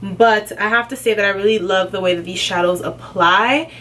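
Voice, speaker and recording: A woman's voice: medium pitch, fairly even intonation, normal speed, bright, forceful tone. A young woman chatting casually as a beauty vlogger, full of "like" and "um" as she goes. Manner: chatty, lots of "like" and "um". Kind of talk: casual unboxing chat. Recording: slightly distant, faint background noise.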